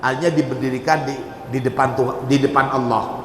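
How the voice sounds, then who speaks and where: A man's voice: mid-range voice, steady tone, fairly quick, fairly bright tone, a little hiss or hum. A man teaching a religious text to students, reading out Arabic phrases and explaining each one in turn. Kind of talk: kitab study sermon. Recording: echoey hall with long reverb.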